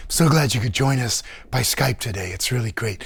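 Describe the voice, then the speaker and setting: A man's voice: mid-range voice, moderate pace, slightly rough. A middle-aged man hosting an interview show from a small studio, with friendly questions and brief acknowledgments. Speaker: host. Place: small studio set, seated indoors.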